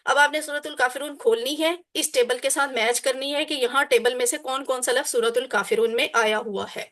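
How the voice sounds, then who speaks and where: A woman teaching a class on Quranic Arabic, drilling word forms slowly and deliberately, then explaining them. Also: sits high, fairly even intonation, fairly bright tone.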